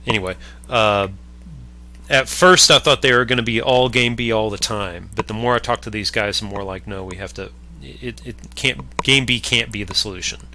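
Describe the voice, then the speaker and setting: A man's voice: lowish voice, normal speed, bright, forceful tone, a little hiss or hum. A man hosting a casual video-call conversation, thinking aloud in long winding sentences. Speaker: channel host. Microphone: webcam on a mic arm at home.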